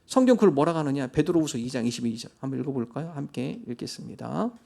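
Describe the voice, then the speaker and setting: A man pastor preaching a sermon in a church, earnest and slowing into drawn-out prayers and readings. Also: medium pitch, lively intonation, vocal fry, mellow. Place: church sanctuary.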